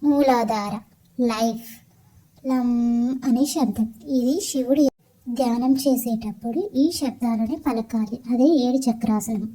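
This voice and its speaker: A woman calmly explaining meditation as a teacher, listing each point one at a time in a measured way. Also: a little high, low-quality recording. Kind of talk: calm instructional explanation of chakras.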